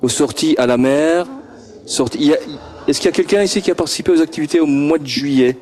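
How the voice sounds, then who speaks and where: This man talks fast, with a fairly high-pitched, somewhat dark voice. He's interviewing kids at a homework-help group, questioning them in a friendly way over a handheld microphone passed between them, often stammering, repeating himself and chuckling.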